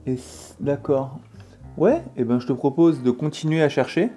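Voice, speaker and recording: A man's voice: medium pitch, moderate pace, mellow, faint music behind. A French man off camera, chatting casually and offering suggestions to the host, laughing easily. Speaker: off-camera colleague. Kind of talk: casual banter.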